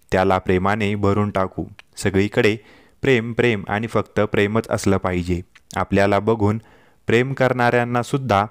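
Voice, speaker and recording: A man's voice: fairly low pitch, clean tone, no echo, clean studio sound, lightly acted. A man voicing a joking, loving young husband in a told story, light and reassuring. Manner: jokey, reassuring. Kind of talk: storytelling dialogue.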